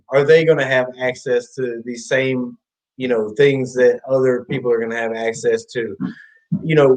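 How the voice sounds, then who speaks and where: A man from Ohio hosting a podcast conversation, talking casually and haltingly, with many fillers and restarts. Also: medium pitch, rough recording. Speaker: podcast host.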